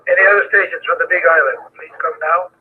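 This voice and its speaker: A man's voice: fairly high pitch, fast talker. A man running a ham radio net as net control, methodically calling for check-ins over a radio with static. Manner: methodical, calls stations with set phrases. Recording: tinny radio with faint static.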